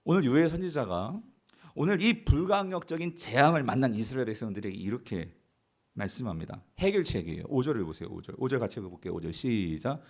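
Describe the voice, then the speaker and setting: A man's voice: medium pitch, animated, quick pace. A male pastor preaching a sermon, putting questions to the congregation as his voice rises and falls. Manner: calls out to the congregation with questions, voice swelling and dropping.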